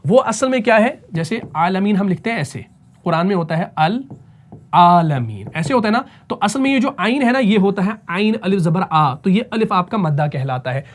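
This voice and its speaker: A man's voice: high voice, expressive. Patient man teaching Quran recitation. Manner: patient, keeps checking that students follow; demonstrates drawn-out recited vowels. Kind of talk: tajweed lesson explanation.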